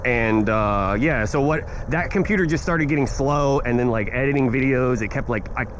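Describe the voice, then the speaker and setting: A man's voice: medium pitch, normal speed, highs cut off. A man chatting casually to his viewers in a laid-back, slangy, rambling way, recorded outdoors while riding a scooter. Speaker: vlogger and delivery gig worker. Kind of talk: casual vlog chat to viewers. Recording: outdoors on the move, clear road noise.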